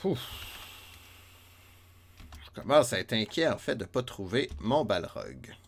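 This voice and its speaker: Slow yet very animated, a man with a lowish voice and a Québécois French accent plays a retro game live, muttering step counts and chatting with his viewers.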